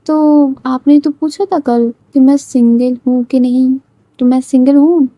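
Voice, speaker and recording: A woman's voice: high-pitched, steady tone, a little slow, dark tone, dry recording. A woman voicing a cheeky young female student who teases her teacher in a playful way. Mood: teasing. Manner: playful, teasing.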